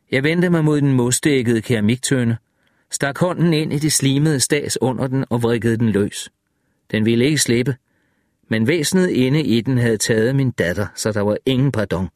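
A man narrating an audiobook in a measured, steady voice at a mid pitch. The recording is dry and close, with no room sound. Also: no room sound. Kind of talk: scripted narration.

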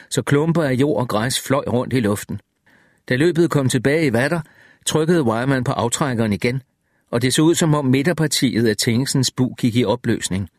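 A man narrating a first-person audiobook in a measured, even storytelling manner, slowing down on vivid details. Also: medium pitch, dry recording, studio quality.

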